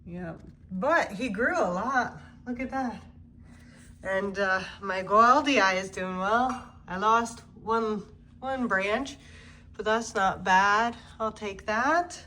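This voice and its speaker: Speaking in a mid-range voice at a slow pace, this woman runs a plant channel and sounds congested from a cold. There's a slight hiss or hum as she strolls through the rooms of her home, relaxed and chatty, using fillers in a casual home-tour vlog.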